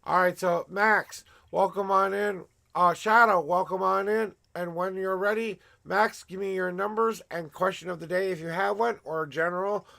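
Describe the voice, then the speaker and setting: Man with a gravelly smoker's rasp. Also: sits high, fairly even intonation, normal speed, hardly any pauses, sharp tone. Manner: effusive, emphatic showman, repeating welcomes and promises. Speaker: tarot reader and livestream host. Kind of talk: casual livestream patter to viewers.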